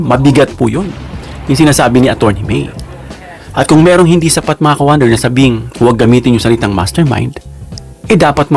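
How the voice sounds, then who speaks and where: A man's voice: medium pitch, creaky, a little mellow. A man giving casual political commentary as a vlogger, chatty and emphatic, often checking in with his viewers. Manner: chatty, repeats "no?" and addresses viewers; slow and emphatic on key words.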